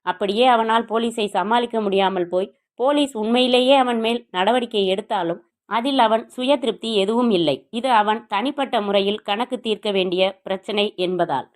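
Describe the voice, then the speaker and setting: A woman's voice: mid-range voice, normal speed. A woman narrating a crime novel and reading every character's dialogue with emotion.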